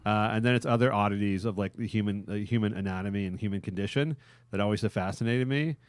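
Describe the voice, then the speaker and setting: A man's voice: lowish voice, quick pace, no room sound, clean studio sound. A man hosting a podcast, rambling crudely with frequent laughter. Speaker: podcast host. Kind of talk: casual crude podcast banter.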